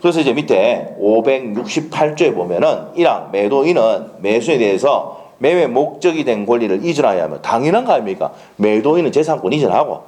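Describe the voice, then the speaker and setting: A man with a Gyeongsang accent lectures on law in a plain, chatty classroom manner. His pitch swings widely as he throws rhetorical questions at the class and checks that they follow. His delivery is blunt and colloquial. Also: sing-song, brisk, few pauses, darkish tone. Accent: Gyeongsang Korean.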